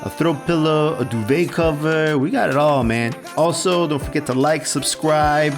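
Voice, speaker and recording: A man's voice: a little high, normal speed, over music. A man in his forties hosting a podcast, laid-back and slangy, affirming his guest. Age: 40s. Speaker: podcast host. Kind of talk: casual podcast chat.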